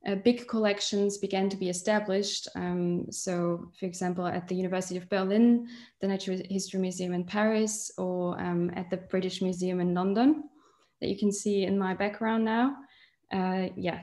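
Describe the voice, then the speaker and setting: A young woman from Switzerland gives an online lecture in an even, mid-pitched voice. She is a doctoral researcher speaking from a museum collection room, and she holds up specimens as she explains. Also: moderate pace. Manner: explains while holding up specimens. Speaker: PhD researcher.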